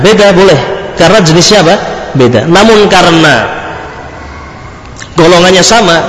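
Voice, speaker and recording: A man with a somewhat high voice gives a religious lesson in a large mosque, working through fill-in-the-blank questions and answering them for his listeners. He mixes Arabic terms into his teaching. The sound carries a long, roomy reverb with faint ambient noise behind it. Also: a bit bright. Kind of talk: classroom-style religious lecture.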